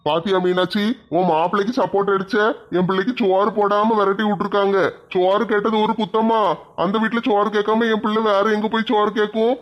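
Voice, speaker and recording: A man plays a protective village father with a Tirunelveli Tamil accent, indignant on his daughter's behalf. His voice is fairly high and flat. The recording sounds slightly dull. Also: a little fast, natural voice.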